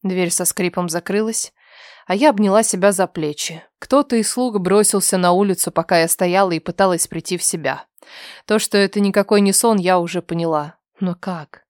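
A woman reading a first-person story aloud with a tense, emotional and often softened delivery. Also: medium pitch, no echo, studio quality. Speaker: audiobook narrator.

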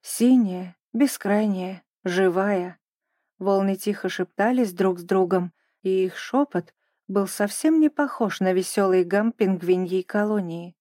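A woman narrating a children's story in a gentle, even storytelling manner. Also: mid-range voice, a little slow, no echo, clean studio sound.

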